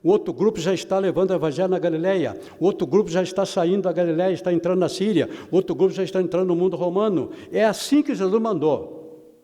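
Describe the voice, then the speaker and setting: A man teaching a Bible class as a sermon, fairly high-pitched with a dark, mellow tone. He talks dramatically and hammers points home by repeating them. His voice rings with a long reverb, as in a church hall. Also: fast talker. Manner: dramatic, acts out imagined dialogues, repeats phrases for emphasis. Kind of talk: preaching Bible lesson.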